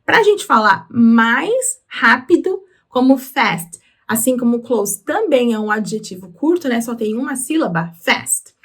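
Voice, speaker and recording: A woman with a Brazilian Portuguese accent teaching English through song lyrics, explaining patiently and slowing down on words. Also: fairly high pitch, lively intonation, husky. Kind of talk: explaining lyrics in a language lesson.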